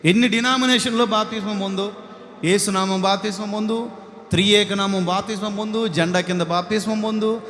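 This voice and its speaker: A man preaching a sermon to a congregation, speaking emphatically, rising to shouts and calling on listeners to respond. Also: high voice, steady tone, brisk. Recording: echoey hall with long reverb.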